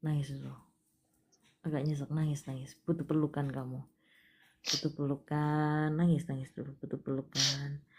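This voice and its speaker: A woman hosting a live palm-reading stream, talking to a caller in a coaxing way and often dropping to a hushed voice. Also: low voice, level tone, moderate pace, long pauses, slight background noise. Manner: coaxing, repeatedly urging the caller to cry; drops to soft, hushed delivery.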